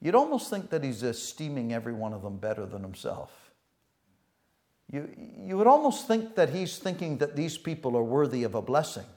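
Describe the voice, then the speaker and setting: A man preaching a sermon in an earnest, halting way, often restarting his words and swinging between soft reflection and loud emphasis. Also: medium pitch, big pitch swings.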